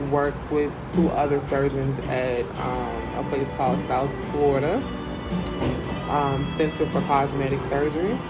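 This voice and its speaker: American woman chatting candidly over loud music. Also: extremely low pitch, flat delivery, unhurried, rough recording. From United States. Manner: candid, conversational, thoughtful. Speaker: vlogger. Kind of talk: casual chat recounting a personal experience.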